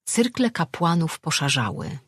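Husky-voiced audiobook narrator. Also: medium pitch, measured pace, dry recording, clean studio sound. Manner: steady storytelling.

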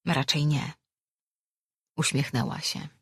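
A woman narrating an audiobook in an even, measured storytelling manner. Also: extremely low pitch, creaky, husky, dry recording, clean studio sound. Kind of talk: scripted narration.

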